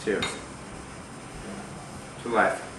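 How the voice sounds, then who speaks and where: Informal man cooking, noisy recording. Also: extremely slow. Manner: informal, buddy-like, plain-spoken. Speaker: cook hosting a cooking show. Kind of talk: casual cooking demonstration. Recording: noisy live room sound.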